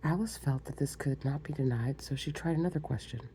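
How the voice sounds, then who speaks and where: A woman reading a storybook aloud in a soft, close, unhurried ASMR manner as whispered role-play, with small spoken asides. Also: extremely low pitch, slight background noise, rough recording. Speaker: ASMR reader.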